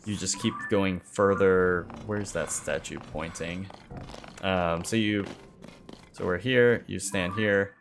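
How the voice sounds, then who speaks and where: Deep-voiced and slow, a man in his thirties chats casually on a game stream, with slight noise in the background. He rambles, mutters to himself, and occasionally laughs or swears.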